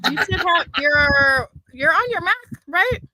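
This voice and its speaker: Bright, enthusiastic high-voiced woman. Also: lively intonation, a little slow, no echo, rough recording. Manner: enthusiastic, exclaims often. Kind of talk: casual chat.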